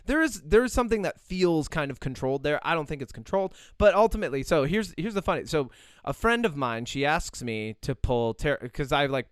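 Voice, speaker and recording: A young man hosts a casual podcast, spinning an anecdote with lots of laughter and quick restarts. His voice sits a little high and swings widely in pitch. The sound is smooth, close and dry. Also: dry recording. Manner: animated storyteller, laughs often, restarts. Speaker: podcast host. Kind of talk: casual chat.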